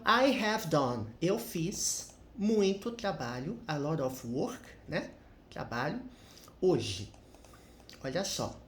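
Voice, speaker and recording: Brief: male English teacher, unhurried, chatty with tag questions, roomy echo. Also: fairly high pitch, a little hiss or hum. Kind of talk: casual grammar lesson.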